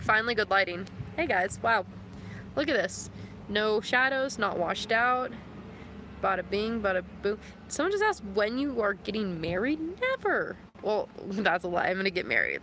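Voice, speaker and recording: A woman's voice: medium pitch, pushed and bright. A young woman live-streaming from her phone outdoors, chatting casually and reading out comments, with plenty of fillers. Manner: chatty, filler-heavy, reads chat comments aloud. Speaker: livestreamer. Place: outdoors near passing vehicles. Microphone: phone held close. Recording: phone recording with outdoor noise.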